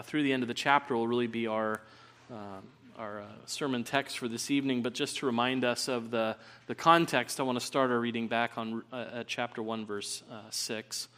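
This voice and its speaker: Pastor preaching at a pulpit microphone. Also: male voice, medium pitch, fairly bright tone. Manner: earnest, measured delivery with frequent "uh" fillers. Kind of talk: sermon with opening prayer and scripture reading. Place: church sanctuary.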